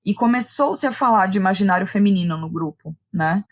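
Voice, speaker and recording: Here a Brazilian-accented woman, a playwright and director, muses aloud as an interview guest, regularly dropping in brief tag questions to check in. The conversation is reflective. She talks briskly in a mid-range voice with lively intonation.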